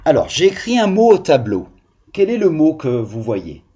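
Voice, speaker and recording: A man's voice: a little high, big pitch swings, moderate pace, dark tone, muffled recording, a little hiss or hum. A male primary school teacher giving a video phonics lesson to young children, patiently sounding out syllables.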